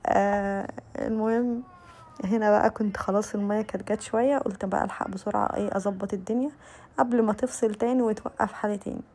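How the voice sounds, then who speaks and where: A woman's voice: mid-range voice, fairly even intonation, a little fast, pauses often, darkish tone. A young adult Egyptian woman with an Egyptian Arabic accent, chatting casually in voice-over as a lifestyle vlogger, speaking straight to her viewers with many restarts. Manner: chatty, addresses viewers directly, frequent restarts.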